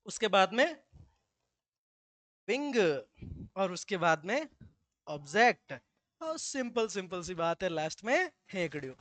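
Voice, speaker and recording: A man's voice: high voice, very animated, measured pace, pauses often, sharp tone, no echo. A male teacher giving a classroom grammar lesson, with joking asides and slips into local dialect.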